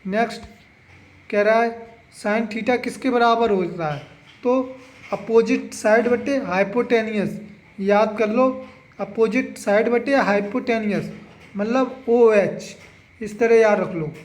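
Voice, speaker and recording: A young man with a notably high voice runs an exam revision lesson. He moves briskly from question to question, repeats each key answer, and keeps checking in with students. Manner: drills answers, repeats "है ना?" and urges memorizing. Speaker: exam-prep teacher.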